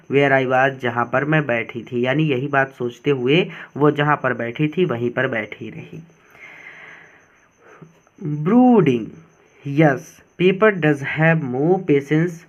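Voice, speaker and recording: A man gives a line-by-line English lesson in a fairly high voice, taking his time over each phrase. He reads the text slowly and then explains it more quickly. The recording is a bit dull and lo-fi. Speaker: teacher.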